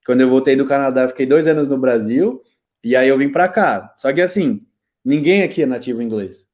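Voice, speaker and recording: A Brazilian man in his thirties, a guest telling stories in a relaxed, slangy, animated way over a video call. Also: medium pitch, a little fast. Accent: Brazilian Portuguese. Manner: lively storyteller, slangy, laughs often. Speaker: guest, IT specialist. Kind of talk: casual interview chat.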